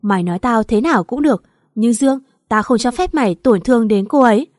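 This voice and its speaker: A woman's voice: a little high, lively intonation, fairly quick, a little mellow, no room sound, studio quality, lightly acted. A woman voicing an earnest young man who insistently denies the charges against him and pleads to be believed. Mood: indignant.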